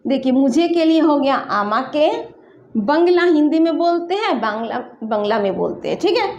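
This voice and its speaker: High-voiced woman teaching a language lesson. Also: sing-song, darkish tone, roomy sound, lo-fi sound. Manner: patient, slow modeling of example sentences.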